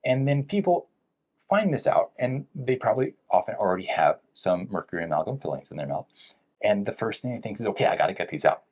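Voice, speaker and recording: Deep-voiced man hosting an interview. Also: fairly quick. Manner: conversational, lively questioning. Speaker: podcast host. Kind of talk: interview questions.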